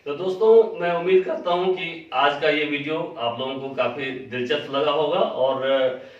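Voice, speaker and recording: A man teaching English pronunciation in a spoken lesson, spelling words out letter by letter and repeating the correct form slowly. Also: fairly high pitch. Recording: very echoey, distant, dull sound.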